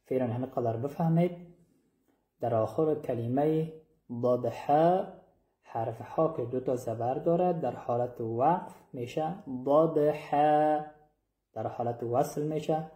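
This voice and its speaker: A man teaching Quran pronunciation, explaining slowly and repeating each sound with drawn-out syllables. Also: mid-range voice, mellow, reverberant. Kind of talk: tajweed pronunciation lesson.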